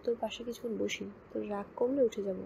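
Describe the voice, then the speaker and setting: A woman's voice: medium pitch, steady tone, fast talker, dark tone, a little hiss or hum, natural voice. A woman voicing a blustering bossy young man. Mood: softened. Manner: gruff, barking, scolding.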